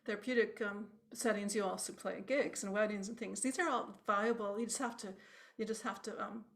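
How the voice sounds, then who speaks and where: A woman's voice: medium pitch, fairly even intonation, brisk. A woman teaching a harp workshop over a video call, chatty and conversational, quizzing her class with little tag questions as she goes. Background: harp playing.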